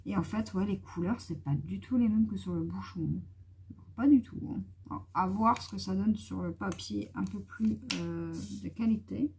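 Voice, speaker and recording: A woman's voice: medium pitch, moderate pace, warm tone, slightly rough. A woman chatting casually in a haul vlog, thinking aloud as she tests colors and talking familiarly to her viewers. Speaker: YouTuber presenting art markers.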